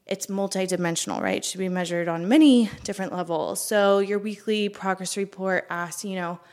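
A woman's voice: medium pitch, steady tone, fairly quick, darkish tone. A young woman fitness coach talking casually and chattily to her viewers, a little out of breath, with lots of fillers. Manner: chatty, upbeat, filler-heavy. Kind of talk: casual talk to camera.

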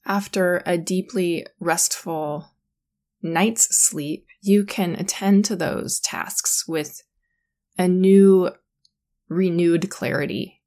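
A woman guiding a sleep meditation in a calm, soothing, slow manner. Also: lowish voice. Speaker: meditation guide.

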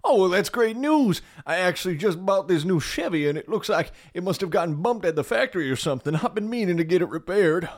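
A man's voice: high voice, expressive, fast, hardly any pauses. An actor playing a folksy, rambling middle-aged town drunk father, cheerful and dim, in a comic audio drama. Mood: bewildered.

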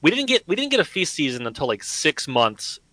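A man's voice: a little high, wildly swooping pitch, brisk, pushed and bright, no echo, poor audio. A man on a gaming podcast, emphatic, building his points and checking in with listeners. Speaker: podcast guest. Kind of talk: casual gaming discussion.

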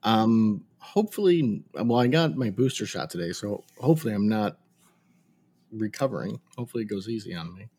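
A man's voice: on the low side, animated, fairly quick, a little mellow, slightly rough. A man co-hosting a podcast in casual chat, somewhat hesitant and repeating short phrases. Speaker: podcast co-host.

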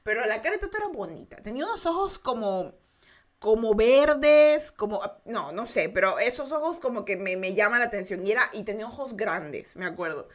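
A woman's voice: a little high, animated, fairly quick. A young adult woman with an Ecuadorian accent hosts a podcast, telling a story in a casual confessional way. She talks animatedly, giggles often, restarts her sentences and acts out other people's voices. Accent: Ecuadorian Spanish. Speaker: podcast host.

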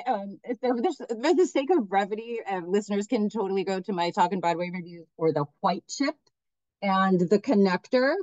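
A middle-aged theater director from Miami, United States, speaks enthusiastically as a guest in a podcast interview, often restarting her sentences. Her mid-range voice is recorded dry, with the highs cut off.

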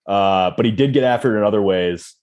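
A man co-hosting a casual chat, animated, laughing often and acting out coworkers' complaints. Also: fairly low pitch, fairly quick.

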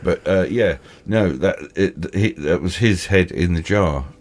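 A British man with toothless, slightly slurred speech, hosting a casual film chat in a halting, repetitive, rambling way. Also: low voice, slight background noise. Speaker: film discussion host.

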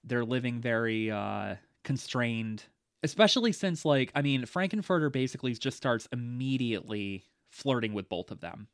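A man's voice: medium pitch, expressive, normal speed, clear, resonant tone, no echo, clean studio sound. A man co-hosting a podcast, chatting casually about a film, with lots of fillers and frequent laughter. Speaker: podcast co-host. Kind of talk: casual movie discussion.

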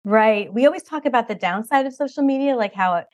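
A woman's voice: a little high, animated, fast, darkish tone, highs cut off. A middle-aged woman talking as a podcast guest in an enthusiastic, rambling way, full of "like" and "you know.". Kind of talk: casual interview chat.

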